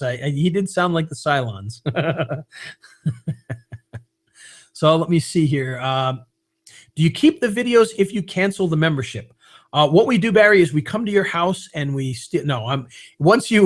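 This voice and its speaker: A man hosting a live webinar, pitching a membership and answering viewer questions in a casual, upbeat way. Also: a bit bright. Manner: casual, upbeat, with fillers and quick jokes. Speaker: webinar host.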